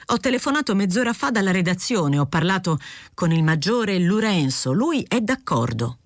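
A woman reading aloud, voicing a weary but stubborn aging male newspaper editor who speaks calmly and evenly. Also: lowish voice, no room sound, clean studio sound, pitched above the performer's own voice. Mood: patient. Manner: calm, measured, feigning nonchalance.

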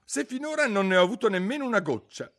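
Man doing a little girl, raised pitch, lively, eager, touchy, storybook reading. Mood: pleading, testy. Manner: eager, quick to get cross.

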